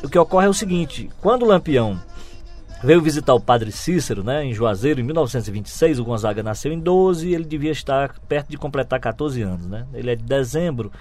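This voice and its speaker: A man, a book's author telling lively anecdotes as an interview guest, with frequent tag questions. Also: medium pitch, a little fast, faint music behind. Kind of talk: anecdotal storytelling.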